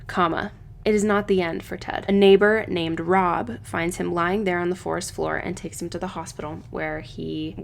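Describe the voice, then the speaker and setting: A woman giving a casual, thoughtful book analysis, often pausing with "um" as she works through her ideas. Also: fairly low pitch, creaky, a little hiss or hum. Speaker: book reviewer. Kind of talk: book analysis video essay.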